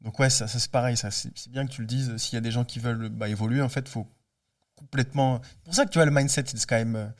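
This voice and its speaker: A man hosting a casual podcast chat, who chimes in often with quick agreement and shares his own view. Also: mid-range voice. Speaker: podcast host. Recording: voice from a distance from the mic.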